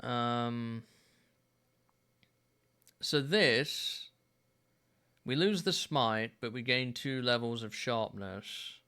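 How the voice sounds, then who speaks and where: A man in his thirties thinks out loud through a gameplay stream, unhurried and full of ums. His voice is bright and crisp, and he takes his time. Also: medium pitch. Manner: relaxed, musing aloud with frequent fillers. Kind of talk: casual gameplay commentary.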